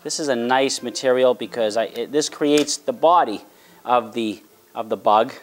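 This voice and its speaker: A man's voice: mid-range voice, normal speed, soft background music. A middle-aged man with a folksy, encouraging barbecue-dad manner, explaining things casually as he hosts. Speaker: dad hosting a hunting and fishing show. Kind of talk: casual explaining to family and camera.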